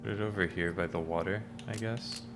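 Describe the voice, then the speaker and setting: A man's voice: low voice, steady tone, a little fast. A man giving casual, laid-back gameplay commentary, musing aloud as he plays. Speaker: gamer doing a playthrough. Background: game music.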